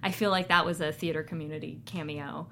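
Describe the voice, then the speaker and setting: A woman co-hosting a casual theater discussion, sharing fun facts in an animated way. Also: low voice, brisk, creaky, slight background noise. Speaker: podcast co-host. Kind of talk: casual chat.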